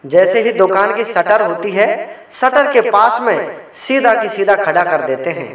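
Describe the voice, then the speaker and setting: A man's voice: high voice, expressive, a little slow, a bit bright. A man narrating a folk tale as a storyteller, often calling out to his listeners and stopping to explain customs along the way. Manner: keeps addressing listeners while narrating. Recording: very echoey, from far off the mic.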